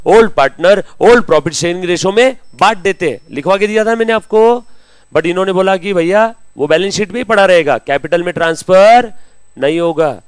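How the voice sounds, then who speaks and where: A chatty, teasing male teacher addresses a live class, slipping into speech. His voice sits a little high for a man. The recording is dry and close, little room sound. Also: smooth, no echo. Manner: chatty, teasing, calls students beta and munna. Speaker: accounting teacher.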